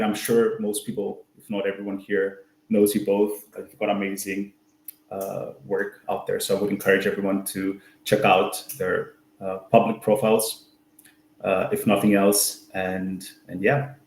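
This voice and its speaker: A man's voice: on the low side, little pitch movement, normal speed, a little mellow, echoey room, slight background noise, rough recording. A man hosting an online user group meetup, talking casually with many fillers and restarts. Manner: friendly, full of fillers and restarts.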